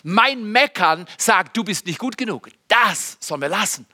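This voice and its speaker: A pastor preaching a sermon to his congregation, animated and speaking to them directly, with loud emphatic bursts and quiet asides. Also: high-pitched, moderate pace. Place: church service.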